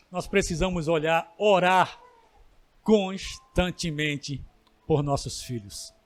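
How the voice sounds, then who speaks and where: A Brazilian pastor with a high-pitched voice delivers a sermon. He builds to emphatic bursts and then slows into drawn-out, pleading lines. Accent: Brazilian Portuguese. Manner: preaching with rising emphatic bursts and slow drawn-out pleas.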